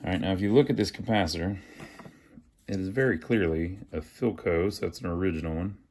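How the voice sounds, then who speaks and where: Speaking a little fast in a low, darkish voice, the host of an amateur radio repair channel leads a casual hands-on repair tutorial. He thinks out loud in a folksy way as he works.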